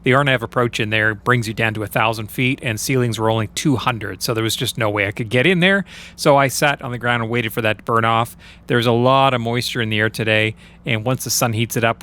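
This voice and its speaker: Bright-voiced male pilot narrating. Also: mid-range voice. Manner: relaxed, explanatory. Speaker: private pilot. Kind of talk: casual vlog voice-over narration.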